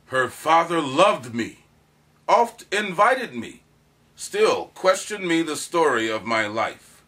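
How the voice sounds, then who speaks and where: A man performs a Shakespearean monologue as a proud soldier recounting his courtship, declaiming theatrically with grand pride and dramatic emphasis. His voice is a little high, bright and forceful, exaggerated and sing-song, and he takes it slowly.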